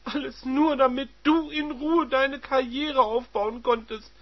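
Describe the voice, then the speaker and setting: A man voicing a furious, humiliated middle-aged wife who shouts shrill accusations, on a dull lo-fi recording. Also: steady tone, measured pace, full character voice.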